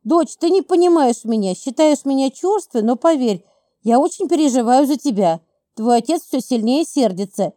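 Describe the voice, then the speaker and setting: A woman's voice: high-pitched, animated, normal speed, dark tone, no echo, studio quality. A woman reading the part of a stern, anxious middle-aged mother who talks in clipped, controlling phrases. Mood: urgent pleading.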